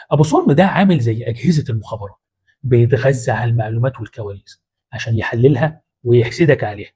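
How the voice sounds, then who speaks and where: Egyptian male host, quick slangy self-help talk, raspy voice, casting for punchy motivational lines. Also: mid-range voice, darkish tone. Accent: Egyptian Arabic. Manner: colloquial, punchy, street-slang asides.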